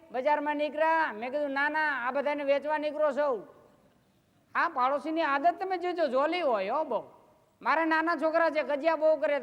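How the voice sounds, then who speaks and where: A folk comedy storyteller from Gujarat, India, performs live on stage with a high, slightly bright voice, and the hall adds a long reverb. He tells chatty, anecdotal stories, acting out his neighbours' questions.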